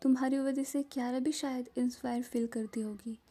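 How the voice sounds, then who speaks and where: A woman voicing a calm, caring middle-aged mother who speaks softly and gently. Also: sits high, normal speed. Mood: gentle. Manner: soft, gentle.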